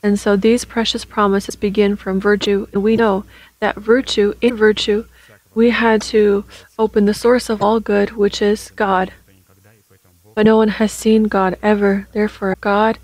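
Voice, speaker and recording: A woman delivering formal prayer and sermon in a solemn, measured, reverent manner. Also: mid-range voice, a little mellow, no room sound, low-quality recording.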